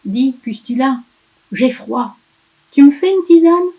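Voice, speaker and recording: A woman's voice: expressive, slow, phone-quality sound, exaggerated voice. A woman voicing a small, needy boy elf who whimpers and pleads in a storybook reading. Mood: wheedling. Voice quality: squeaky whimpering.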